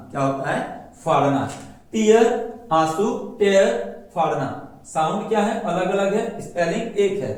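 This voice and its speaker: A man's voice: high-pitched, darkish tone. Man, English teacher, classroom-style lesson, self-answered questions, very echoey room. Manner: repetitive, asks questions and answers them himself. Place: room, recording without a digital board.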